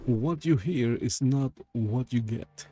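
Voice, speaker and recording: A man's voice: mid-range voice, slow pace. A man streaming a game through a voice changer, rambling and thinking aloud as he plays. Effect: voice changer shifting his voice. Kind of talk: casual gameplay commentary. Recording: game music playing clearly behind.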